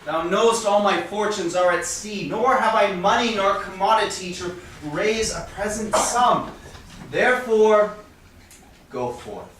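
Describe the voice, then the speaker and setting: A man as high-pitched Antonio, distant, echoing. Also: measured pace, fairly bright tone. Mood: earnest, generous. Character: Antonio, generous, devoted merchant of Venice. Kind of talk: Shakespearean staged reading. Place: reverberant room, staged reading. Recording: echoey room, distant mic, faint noise.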